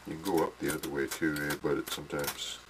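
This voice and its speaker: Noisy home camcorder audio records a very deep-voiced hobby modeler rambling through a casual demo in a small indoor workshop. He talks at a quick pace with a flat delivery, full of fillers and restarts, often ending with "eh."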